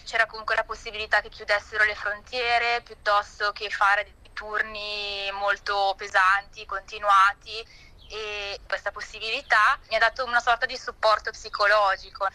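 A woman nurse calmly explaining her situation, heard over a speakerphone in a news report. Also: mid-range voice, moderate pace, no echo. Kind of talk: phoned-in account in a news report. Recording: tinny speakerphone line.

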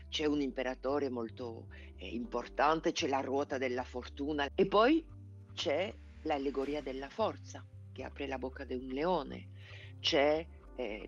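A man's voice: mid-range voice, dull audio. A native French-speaking man with a French accent, explaining things in an interview in approximate Italian, often searching for words. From France. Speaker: interview guest, tarot expert.

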